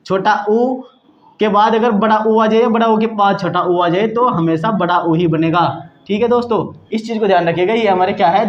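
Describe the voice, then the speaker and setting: Man, grammar teacher, high voice, quiz-style questions, muffled lo-fi sound. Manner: repeats "ठीक है दोस्तों" and asks quiz-style questions. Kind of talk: online grammar lesson.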